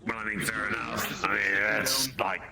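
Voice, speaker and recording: Man, gravelly, animated, rambling, roleplay chat, crowd chatter behind. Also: on the low side, moderate pace. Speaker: roleplay player.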